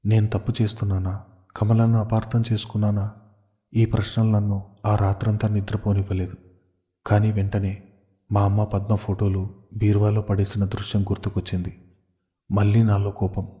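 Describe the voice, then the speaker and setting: A man narrating a family drama story in a steady, measured first-person reading. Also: fairly low pitch. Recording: dull lo-fi audio.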